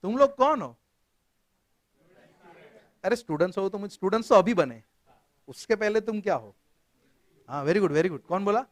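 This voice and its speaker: An Indian man teaching company law to a live class, jokey and lively, quizzing his students as he goes. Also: high voice, no echo. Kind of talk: classroom lecture.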